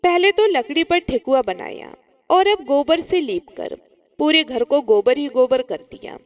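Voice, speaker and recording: A woman's voice: sits high, lively intonation, measured pace, no echo. A woman voicing a spoiled, scornful young daughter-in-law who talks in an irritated way in a storybook tale.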